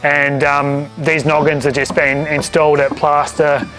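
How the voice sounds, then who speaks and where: Aussie builder guy, a bit higher voice, casually explaining on site, practical, faint music behind. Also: flat delivery, measured pace, a bit bright, rough recording. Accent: Australian. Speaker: builder co-hosting a home-building show.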